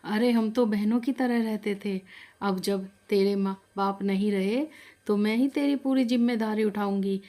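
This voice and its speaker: A woman's voice: mid-range voice, fairly even intonation, unhurried, warm tone, lightly acted. A woman doing a comforting motherly aunt. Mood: soothing. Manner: soothing, reassuring.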